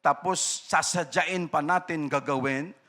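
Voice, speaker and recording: A male pastor with a Filipino accent preaching a sermon, mixing English phrases into Tagalog and dropping his voice low before loud emphatic bursts. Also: unhurried. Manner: mixes English phrases into Tagalog, frequent tag "no?"; swings between soft murmurs and loud emphatic bursts.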